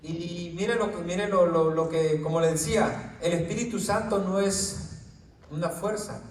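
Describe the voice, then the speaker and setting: A little slow and far from the mic, a man with a fairly high voice gives an informal teaching sermon to a small group. He often checks in with "right?" and "brother," tripping on words now and then, with echo and a faint hiss around him.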